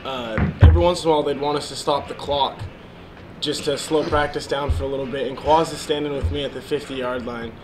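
A man telling an animated story in an interview. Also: mid-range voice, fairly quick, noisy background.

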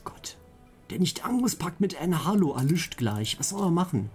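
A man's voice: a little high, big pitch swings, moderate pace, darkish tone, soft background music. A man hosting a let's play, chatting casually and playfully repeating words to himself as he plays. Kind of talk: casual gameplay commentary.

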